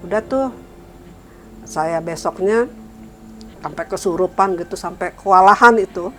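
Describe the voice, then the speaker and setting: A middle-aged woman recounting a family story in casual talk, raising her pitch when she quotes others and trailing off softly afterward. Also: unhurried, faint music behind. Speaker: guest telling her story.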